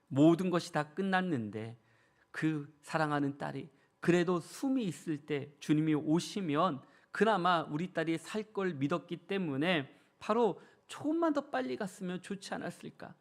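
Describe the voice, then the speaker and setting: A pastor delivering a Sunday sermon, his voice sitting a little high for a man. He speaks earnestly and keeps asking his congregation rhetorical questions, dropping to a softer tone and then lifting into emphatic peaks. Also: animated, normal speed. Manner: swings between soft and raised emphatic delivery. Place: church sanctuary.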